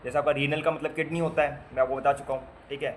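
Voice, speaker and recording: Speaking at a quick pace in a level, mid-range voice, a man runs a casual medical terminology class for nursing students. He spells word parts aloud, repeats them, and quizzes the group with playful asides. There is slight background noise.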